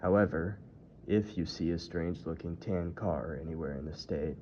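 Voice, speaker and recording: Very deep-voiced man narrating true crime. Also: moderate pace, dark tone. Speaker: tour narrator. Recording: muffled audio with clear background noise.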